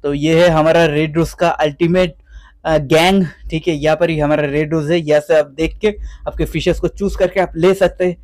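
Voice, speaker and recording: A man's voice: a little high, steady tone, normal speed, a little mellow, no echo. A young man from West Bengal giving a casual video tour of his guppy breeding tanks, chatting on and on and mixing English words into his Hindi. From West Bengal, India. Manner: chatty, repeats "theek hai" often. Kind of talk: casual vlog walkthrough.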